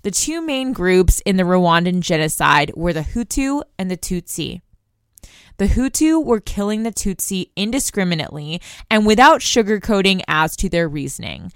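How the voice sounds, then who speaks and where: A woman's voice: lowish voice, very animated, normal speed, clear, resonant tone, no echo, studio quality. A young woman from the United States hosting a news podcast, explaining a story in a conversational way and talking straight to her listeners. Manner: conversational, addresses listeners directly.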